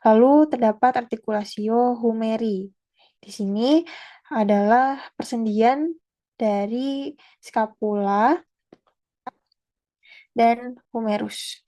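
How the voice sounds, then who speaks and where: A young woman student presenting an anatomy lesson, talking in a halting way with fillers and self-corrections. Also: a little high, mellow.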